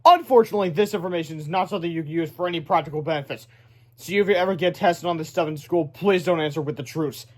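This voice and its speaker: A man reading a children's book aloud in an animated way, breaking off for excited asides. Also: on the high side, fast talker. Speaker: read-aloud narrator.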